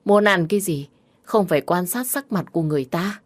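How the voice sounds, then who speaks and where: A woman voicing a frantic, scolding older mother in a narrated story, raising her voice high and loud. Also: lively intonation, a little fast. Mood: anxious pleading.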